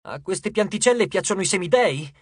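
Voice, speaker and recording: Male narrator voicing a clumsy, brave teen demigod boy; urgent, shouting, slightly high voice, dry booth sound. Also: animated, fairly quick, husky, no echo.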